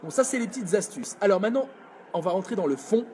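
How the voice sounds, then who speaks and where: A man coaching public speaking in a live video workshop, energetic and demonstrative, answering viewers' comments. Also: sits high, fast talker, slight background noise. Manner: energetic, demonstrative, reads chat comments aloud.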